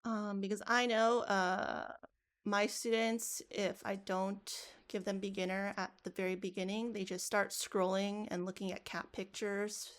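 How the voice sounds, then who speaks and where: A woman's voice: mid-range voice, flat delivery, measured pace. A woman running a live coding workshop for teachers, casual and talking through each step aloud with frequent restarts. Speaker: teacher trainer.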